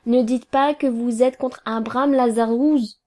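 A woman voicing a nervous man who begs a lawyer in slow, fawning pleas. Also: on the high side, fairly even intonation, a little mellow, natural voice. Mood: pleading.

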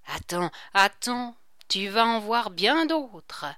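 A sly court jester with a mocking, theatrical edge, as a woman reading a story puts him on, his words crisp and clean on a dry, close recording. He hams up his fake pleas. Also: mid-range voice, lively intonation, slow pace, pushed and bright, dry recording. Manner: mocking, theatrical whispers and mock pleading. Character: sly quick-witted male court jester.

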